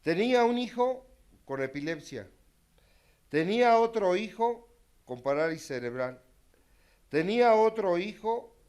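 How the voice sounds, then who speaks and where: Guy telling his own story to a group, fairly high voice, self-mocking, gets loud then drops way down. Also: very animated, a little slow, long pauses, clear, resonant tone. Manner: candid, self-mocking, dramatic swings in loudness. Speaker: speaker sharing his recovery story. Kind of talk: testimonial talk to a group.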